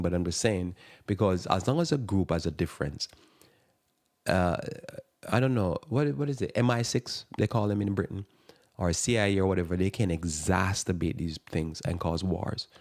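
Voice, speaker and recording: A man with a very low voice and a thick accent preaches on a radio talk program. He wanders from point to point, stumbles and repeats words, and lets out small chuckles at his own remarks. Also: a little mellow. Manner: rambling, repeats and restarts words. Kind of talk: sermon-style radio talk.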